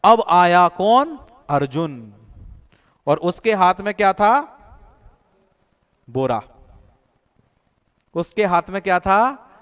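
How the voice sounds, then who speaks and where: A man teaches an online exam-prep class. He drills names through little stories and repetition. His voice is smooth and slightly high, with a long echo from the room. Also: sing-song, slow, pauses often, a bit bright. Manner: storytelling, repetitive memory drills. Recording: echoey room with long reverb.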